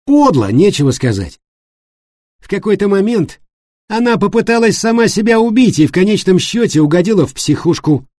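A man voicing an excited, talkative businessman who tells a story loudly and insistently. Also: high voice, moderate pace, no room sound, studio quality, voice pushed up.

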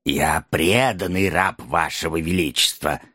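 An actor voicing a fawning, scheming dwarf servant to an evil queen, with a husky voice, in an audiobook. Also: rumbling low, measured pace, bright, forceful tone, no echo, clean studio sound, exaggerated voice. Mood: servile. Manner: servile, scheming, obsequious. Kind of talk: audiobook character reading.

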